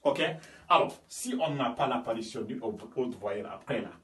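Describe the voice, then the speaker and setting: A man's voice: mid-range voice, a bit bright. A man from Guinea, an English teacher, giving a language lesson and often checking "ok?" with his listeners. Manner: explains slowly, often checks with "ok?" and "you understand me?". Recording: echoey room, voice from a distance.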